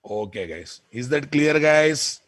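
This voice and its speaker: A man with a Telugu Indian accent teaching software in an informal lecture, repeating points emphatically and often checking with listeners. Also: on the high side, expressive, takes it slowly, no room sound, studio quality. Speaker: programming instructor.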